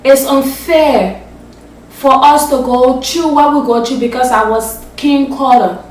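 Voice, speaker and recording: A woman's voice: sits high, fairly even intonation, measured pace, a little mellow, distant mic, slight background noise. A woman vlogger from Africa telling a story-time vlog, speaking passionately and emphatically, sometimes swearing. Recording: roomy echo, voice off the mic.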